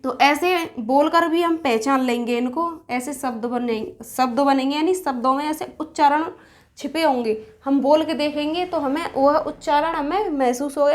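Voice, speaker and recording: A woman with a high, light voice teaches a grammar lesson in a patient, steady way. She comes back to each point and says it again in other words. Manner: patient, repeats and rephrases points.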